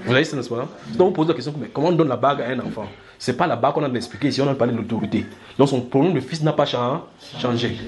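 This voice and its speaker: A man from Cameroon preaching a sermon to a congregation, lively, acting out small scenes and chuckling as he teaches. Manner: lively, acts out little scenes with shifting pitch, chuckles while preaching.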